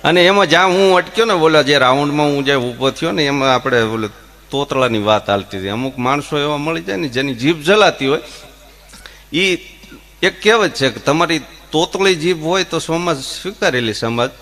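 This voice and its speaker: A man's voice: fairly high pitch, moderate pace. A man telling folk comedy stories, acting out voices and stammers. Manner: animated, acts out voices and stammers in jokes. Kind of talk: Gujarati folk comedy storytelling.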